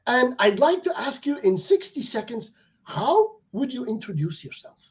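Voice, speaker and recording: A man's voice: very high-pitched, sing-song, normal speed, highs cut off. A man hosting a live online chat, talking casually with frequent fillers and restarts. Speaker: host.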